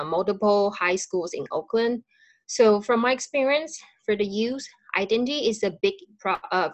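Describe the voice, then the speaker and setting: A woman school counselor giving an earnest public comment over a video call, with frequent uh fillers and halting phrasing. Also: medium pitch, no room sound.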